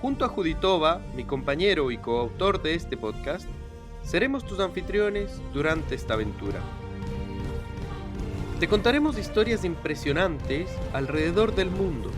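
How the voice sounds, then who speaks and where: A man hosting a travel podcast, lively and mixing Spanish with Portuguese as he interviews a guest. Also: on the high side. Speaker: podcast host.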